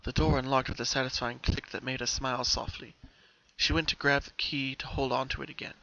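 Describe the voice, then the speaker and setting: Reading a scripted dramatic story, this narrator keeps a level tone and a fairly quick pace. He is a man with a mid-pitched, bright and forward voice, captured in a somewhat dull, home-recorded sound.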